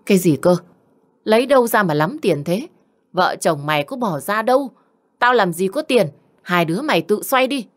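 A woman's voice: medium pitch, expressive, moderate pace, pitched above the performer's own voice, lightly acted. A woman voicing a stingy older mother-in-law who snaps and scolds in an audiobook. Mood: scolding. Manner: snapping, scolding. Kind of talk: audiobook character voice.

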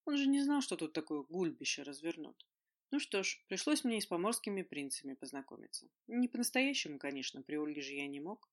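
A man's voice: fairly high pitch, very animated, brisk. A reader voicing an easygoing, chatty young man who explains things at length.

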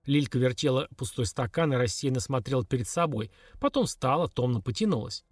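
A male audiobook reader gives scripted narration from a novel, telling it expressively in a mid-range voice at a fairly quick pace. The studio sound is clean with no room sound.

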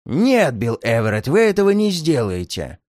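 A commanding male detective from an old storybook tale, firm and measured as he lays out the charges, as a reader voices him. The delivery is close and dry. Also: medium pitch, wildly swooping pitch, a little mellow, no echo. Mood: stern.

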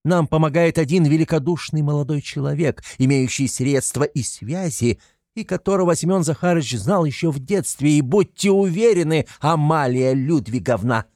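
A man reading aloud, voicing a frantic, proud, sickly mother who speaks in a rapid, shrill, breathless patter. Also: a little mellow, no echo, studio quality, lightly acted. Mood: indignant.

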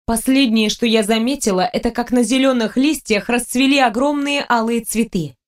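A woman reading a first-person fantasy audiobook in a calm, even storytelling manner. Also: a little high, moderate pace. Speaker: audiobook narrator.

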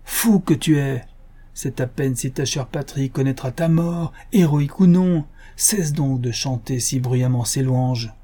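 Brief: a male reader doing a silky villainous tempter, warm husky tone, wheedling. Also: mid-range voice, animated, normal speed. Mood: angry. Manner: soft, coaxing, persuasive. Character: smooth-talking scheming male tempter, persuasive. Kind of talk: audiobook character voice.

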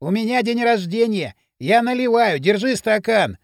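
Man doing a loud, leering drunk. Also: high-pitched, lively intonation, moderate pace, gravelly, dry recording, studio quality, voice pushed up. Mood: drunk, boisterous. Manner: slurred drawl, bellowing cheerfully. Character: drunk lecherous scruffy man, loud and gloating. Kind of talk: audiobook character voice.

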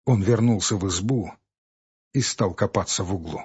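A man reading a literary audiobook in a measured, steady storytelling manner. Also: sits low, breathy edge. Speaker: audiobook narrator. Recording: dull audiobook recording with faint music.

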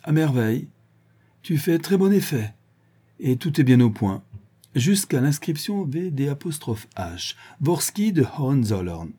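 A man doing Don Luis, a mocking gentleman adventurer. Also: medium pitch, sing-song, measured pace, breathy edge, pitched above the performer's own voice. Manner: ironic, theatrical, taunting. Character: mocking, jovial gentleman adventurer, male, adult.

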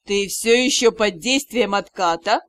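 Audiobook: woman doing a sarcastic teasing noble mage guy, lowered voice, dry close sound. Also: unhurried, fairly bright tone, dry recording, close to an everyday voice. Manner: sarcastic, drawling. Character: mocking aristocratic male mage, sarcastic, teasing.

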